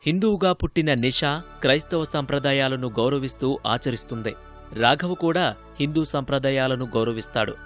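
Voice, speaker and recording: A man narrating a television news feature in a measured, formal reading voice. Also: mid-range voice, faint music behind. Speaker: news reporter.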